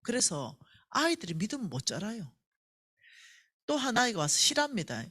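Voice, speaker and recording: A woman's voice: mid-range voice, normal speed, slightly rough. A woman with a Gyeongsang accent preaching at a church revival meeting, telling stories and acting out the voices of the people in them. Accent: Gyeongsang Korean. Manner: animated storyteller who acts out quoted voices. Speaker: church ministry staff speaker. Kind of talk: revival sermon with told stories.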